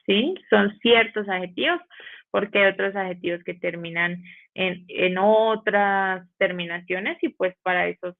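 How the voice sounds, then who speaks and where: A woman with a Colombian Spanish accent teaches English grammar, her voice carrying a gravelly fry. She slows down to model each phrase and asks the class questions. The sound is thin and phone-like. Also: mid-range voice. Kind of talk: online grammar lesson. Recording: phone-like narrow band.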